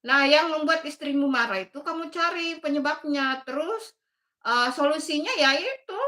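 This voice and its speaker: A woman in her fifties with a Makassar Indonesian accent hosts a casual livestream on her phone from her bedroom. Her high voice is bright and forward, with lively intonation at a moderate pace. She reads viewer comments in a chatty, motherly manner and laughs often between remarks.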